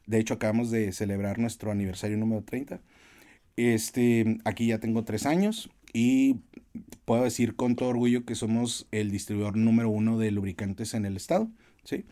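A man's voice: lowish voice, fairly even intonation, moderate pace, mellow. A Mexican man in his forties, a podcast guest telling anecdotes with frequent fillers and restarts. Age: 40s. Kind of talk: casual podcast interview.

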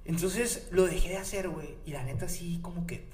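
A man's voice: high-pitched, a little fast. Slangy Mexican man in an echoey room. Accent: Mexican Spanish. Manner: slangy, animated storyteller acting out quotes. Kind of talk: casual chat. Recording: echoey room with faint background noise.

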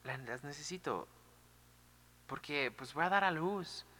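A man's voice: a little high, expressive, measured pace, sharp tone, big-room sound, slight background noise. A man voicing a pleading young mortal bride in a casual way.

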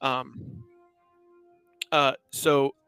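A man runs a tabletop game for his players, stumbling and restarting as he describes a strange rock creature. His voice sits at an ordinary middle pitch, and faint music plays behind him. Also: little pitch movement, drawn-out words, pushed and bright, clean tone, no echo. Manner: hesitant, many restarts and fillers. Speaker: game master.

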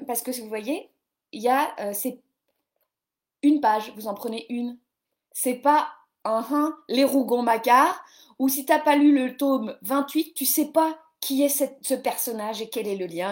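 Woman in her forties, live-stream host, chatty and self-mocking, a touch high-pitched. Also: darkish tone. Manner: rambling, self-mocking, many fillers and restarts. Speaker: podcast host doing a live reading session. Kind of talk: casual live-stream chat about reading.

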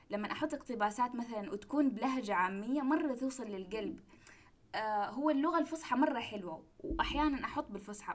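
A woman's voice: mid-range voice, fairly bright tone. A young woman, a guest artist chatting candidly and easily over a phone mic. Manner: chatty, candid, quick-flowing. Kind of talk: casual chat in an audio room.

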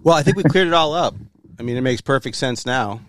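A man's voice: medium pitch, fast, no echo, studio quality. A man hosting a casual chat, joking wryly with a guest. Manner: wry, joking host. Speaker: host.

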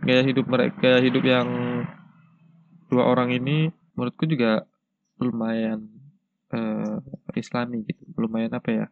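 A young man with a cold and a stuffy, congested nose, hosting a casual solo podcast in a hesitant, halting way. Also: mid-range voice, little pitch movement, vocal fry, a little hiss or hum. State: has a cold with a blocked nose. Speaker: podcast host. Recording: dull lo-fi, dry sound.

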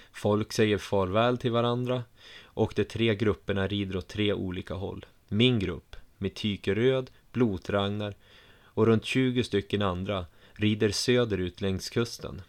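Low-voiced man narrating calmly. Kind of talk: first-person audiobook narration.

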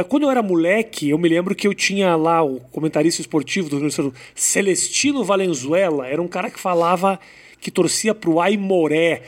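A man hosting an interview who asks direct questions and teases his guest. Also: high voice. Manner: jokey, teasing, direct questions. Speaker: interviewer, host. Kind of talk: casual interview chat.

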